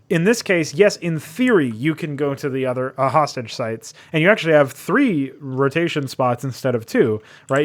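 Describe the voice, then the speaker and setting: A man's voice: medium pitch, fairly bright tone. A man reviewing a game map in casual commentary, thinking aloud with frequent fillers and restarts, blunt and now and then profane.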